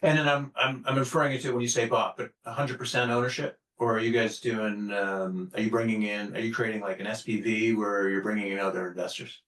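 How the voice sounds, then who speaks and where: Man, podcast host, low voice, flat delivery, hesitant questions, far from mic, echoey. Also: fairly quick, few pauses. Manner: hesitant, filler-heavy questions. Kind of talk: interview questions and brief acknowledgements. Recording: roomy sound, off-mic.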